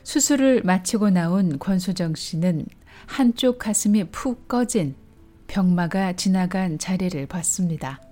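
A woman documentary narrator reading a scripted human story in a measured, literary way. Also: fairly low pitch, expressive, dark tone, soft background music.

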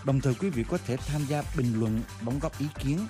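A man's voice: medium pitch, lively intonation, normal speed. Formal male radio announcer over music.

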